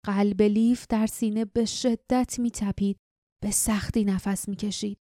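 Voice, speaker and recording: A woman reads an audiobook in a steady, measured way. Her voice is dark and mellow, and the recording is dry and close with no room sound. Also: medium pitch, no echo. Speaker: audiobook narrator. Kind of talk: scripted audiobook narration.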